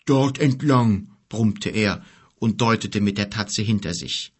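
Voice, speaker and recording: A man narrating a fantasy story as an audiobook reader, in a lively, expressive reading. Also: on the low side, a little slow.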